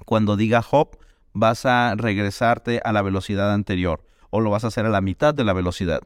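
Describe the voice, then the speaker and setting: A man's voice: fairly low pitch, fairly even intonation, brisk, clear, resonant tone, dry recording, clean studio sound. A man teaching a Dalcroze music lesson, explaining exercises and chanting rhythm syllables to demonstrate.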